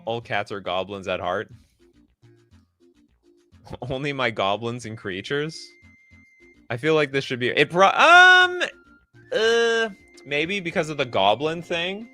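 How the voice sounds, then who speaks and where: A man streaming live, reacting loudly and sarcastically while rating cards and answering chat. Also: mid-range voice, very animated, slow, pauses often, soft background music.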